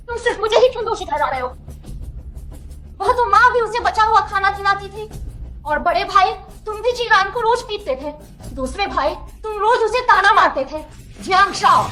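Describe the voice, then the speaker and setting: A desperate, regretful young wife in a dubbed melodrama, voiced by a woman. Her voice sits very high and sharp, and it breaks into tearful begging. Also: lively intonation, moderate pace, soft background music, full character voice. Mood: defensive. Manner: pleading, tearful. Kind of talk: dubbed drama dialogue.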